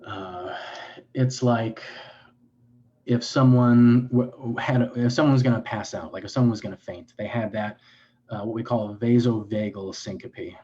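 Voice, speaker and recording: Low-voiced man explaining like a clinician. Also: fairly even intonation, a little slow, dark tone, highs cut off, slight background noise. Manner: earnest, lecturing, many restarts and self-corrections. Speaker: guest clinician. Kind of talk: explanatory interview talk.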